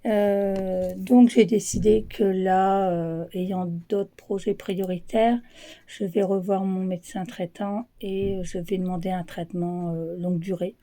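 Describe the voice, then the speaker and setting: A woman talks to camera in a slow, unhurried way, her voice mellow and dark with a cracked edge. She sounds tired, halting between phrases and sometimes sinking to a whisper. It is filmed on a handheld phone in her dressing room. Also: mid-range voice, steady tone. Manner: halting, drops to a whisper when showing items. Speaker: vlogger. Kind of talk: casual vlog chat to camera. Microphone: handheld phone camera with ring light.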